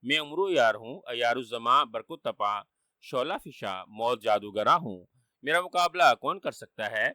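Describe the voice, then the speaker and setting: A man's voice: medium pitch, lively intonation, sharp tone, no room sound, clean studio sound. A man voicing a wily trickster who fakes dying, whining and sly.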